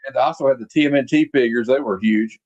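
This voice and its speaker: A man's voice: mid-range voice, quick pace, darkish tone, muffled recording. A man in his late forties hosting a casual chat, reminiscing at length with lots of fillers. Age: 40s. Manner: rambling, reminiscing with many fillers. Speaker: podcast host.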